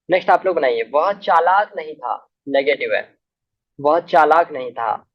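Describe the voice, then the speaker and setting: A man teaching an English grammar class online, asking students questions and repeating answers slowly. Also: fairly high pitch, dull audio. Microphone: recorded online class.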